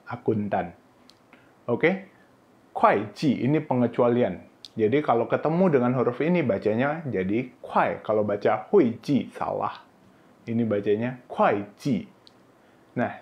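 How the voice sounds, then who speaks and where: A man teaching a Mandarin lesson online, explaining step by step and saying each example word slowly and clearly. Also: medium pitch, dull audio.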